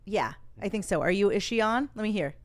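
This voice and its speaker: A woman hosting a casual interview chat, animated and quick to laugh, giving shout-outs. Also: mid-range voice. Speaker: host.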